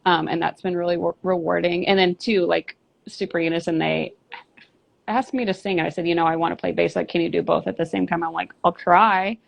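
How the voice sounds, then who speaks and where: In a relaxed interview recorded with lo-fi, dull audio, a female band singer and bassist speaks as the guest. Her lowish voice is gravelly, brisk and steady in tone, and she rambles candidly, full of fillers and restarts.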